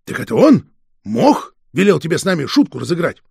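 Male narrator as a wily, mocking interrogator; husky, gravelly, lively delivery for a storybook. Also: fairly high pitch, no echo, studio quality, pitched above the performer's own voice, full character voice. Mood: pressing. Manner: slow, needling, teasing interrogation. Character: sly, mocking older police detective chief. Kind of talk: audiobook character reading.

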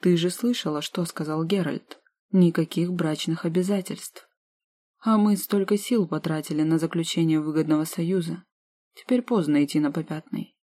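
A woman's voice: low-pitched, moderate pace, warm tone. A woman reading the lines of a meek, flustered father who pleads and placates in an audiobook. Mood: placating.

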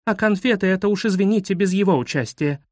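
A man's voice: high-pitched, quick pace, a little mellow, no echo, clean studio sound, pitched above the performer's own voice, natural voice. A man voicing an indignant woman museum guide in a storybook reading, theatrical and easily outraged. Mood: furious.

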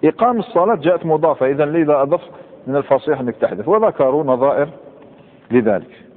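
A man with an Algerian Arabic accent teaching grammar in a classroom lecture, quizzing students and reciting verb patterns slowly. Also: on the high side, animated. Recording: tinny, echoey hall recording.

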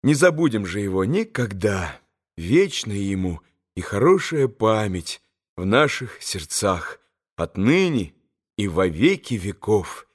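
A man voicing a gentle, earnest young man giving a tender speech in an audiobook. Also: fairly low pitch, sing-song, takes it slowly, exaggerated voice. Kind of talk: audiobook character reading.

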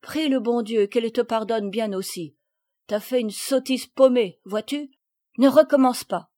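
Old countrywoman gardener for a storybook reading, loud and high, rustic and scolding, as a woman reader puts her on. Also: measured pace, no room sound, clean studio sound, lightly acted.

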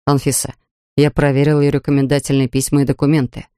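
A woman voicing a worried, gentle male dragon farmer and father. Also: very deep voice, level tone, fast talker, clean tone, no room sound, clean studio sound, pitched below the performer's own voice. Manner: anxious, soft-spoken.

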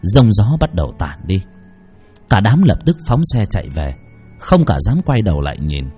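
A man's voice: on the low side, moderate pace, slightly rough, faint music behind. A man narrating a horror story in a dramatic, suspenseful style. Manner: expressive, suspenseful.

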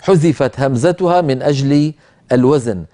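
A middle-aged man teaching a Quranic reading rule, explaining in a calm, measured way and slowly chanting verse quotations. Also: mid-range voice. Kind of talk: lecture on a tajweed poem.

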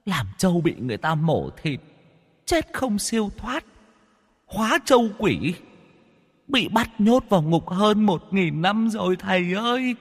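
A tormented buffalo ghost pleads in a thin, whimpering voice pitched far above normal speech, drawn out slowly. The line swoops wildly up and down. A long reverb trails behind it. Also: male voice, sing-song, slightly rough, full character voice. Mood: wailing. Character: tormented male buffalo ghost, wailing and begging.

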